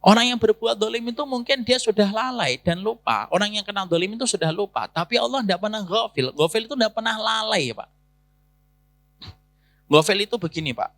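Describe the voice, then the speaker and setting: A man's voice: high-pitched, expressive, brisk, fairly bright tone, no echo. A middle-aged man preaching in a mosque with an Indonesian accent, telling a story and acting out its dialogue while addressing the men listening. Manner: addresses listeners as Pak, acts out quoted dialogue. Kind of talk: sermon storytelling.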